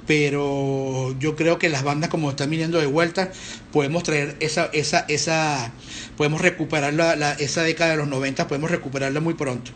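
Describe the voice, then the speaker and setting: A man's voice: a little high, fairly even intonation, a little fast, fairly bright tone, slight background noise. A middle-aged man, hosting a casual live stream in a rambling, chatty way. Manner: rambling, chatty, with restarts and fillers.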